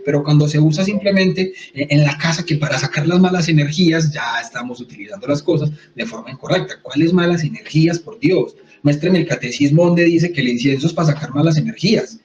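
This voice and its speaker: A man with a Colombian accent teaching in an interview, animated, asking rhetorical questions. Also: fairly high pitch. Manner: animated, rhetorical questions, mock-quotes others. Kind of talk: conversational teaching. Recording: slightly muffled sound.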